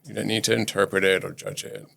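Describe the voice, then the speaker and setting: A man working as a therapist, guiding a session with calm, gentle, inviting questions. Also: on the low side, quick pace, gravelly.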